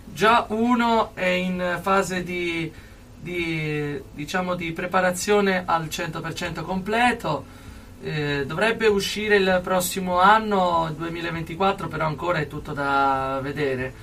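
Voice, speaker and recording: A young adult man giving earnest, halting interview answers as a guest in a radio studio. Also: high-pitched, sharp tone, far from the mic, a little hiss or hum. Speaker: interview guest, aspiring musician.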